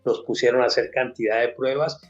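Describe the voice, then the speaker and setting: An older man shares a personal testimony at a church gathering. He tells the story earnestly and voices the people in it. The recording is a little dull, with quiet music behind him. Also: medium pitch, steady tone, brisk. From Colombia. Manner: earnest storyteller, acts out dialogue. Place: church conference.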